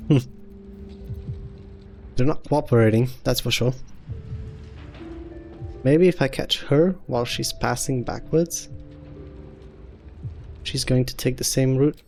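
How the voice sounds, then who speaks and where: A man hosts a let's-play and calmly thinks aloud through his moves in a mid-pitched, even voice. Game music plays clearly behind him. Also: slow, long pauses. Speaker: gaming channel host.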